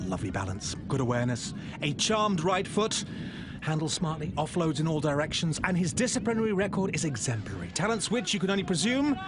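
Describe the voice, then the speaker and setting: A man's voice: a little high, sing-song, a little fast, noisy background. A man narrating a sports feature as scripted voice-over, with a wry, playful delivery and dry asides. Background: music bed.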